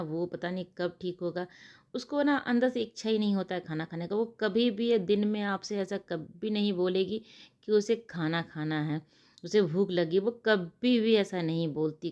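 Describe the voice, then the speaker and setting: A woman's voice: on the low side, a little mellow. A young adult woman, a vlogger and mother, chatting through her daily routine in a homely voice-over and often rephrasing herself.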